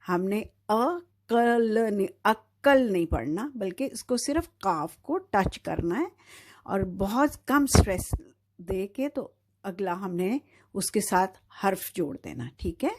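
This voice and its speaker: Slow, patient woman teaching phonics. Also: medium pitch, sing-song, slightly rough. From Pakistan. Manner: slow, patient, drawn-out syllables with repeated checks of "theek hai". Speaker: Urdu teacher. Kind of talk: phonics lesson for children.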